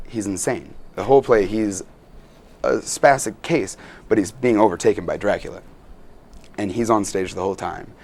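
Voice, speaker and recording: A man's voice: deep voice, creaky, slight background noise. A young man, a student actor, answering interview questions in an earnest, rambling way with many fillers.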